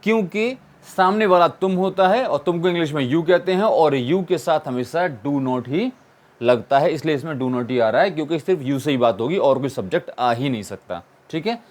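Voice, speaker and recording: A man's voice: a little high, expressive, normal speed. A man teaching an English grammar lesson, asking questions and answering them himself and repeating the key points. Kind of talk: classroom-style explanation.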